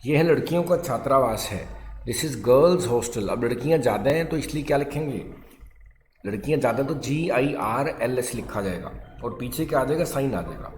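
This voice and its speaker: A male English teacher giving a grammar lesson, dictating English phrases slowly and explaining briskly in Hindi. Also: mid-range voice, expressive, slight background noise. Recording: echoey room with long reverb.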